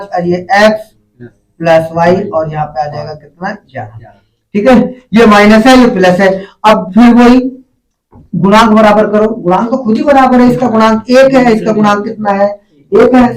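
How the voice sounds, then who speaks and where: This classroom math lesson comes from a man whose voice sits high and moves at normal speed. He asks his students questions, calls them "beta," and keeps the call-and-response going, recorded from afar in an echoey room.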